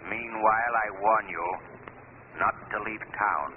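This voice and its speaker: An actor playing a commanding, mocking crime avenger, with theatrical, formal delivery in old-time radio style. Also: male voice, lowish voice, lightly acted. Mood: accusing, ominous. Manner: theatrical, deliberate, ominous formal diction. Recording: tinny old radio broadcast, faint noise.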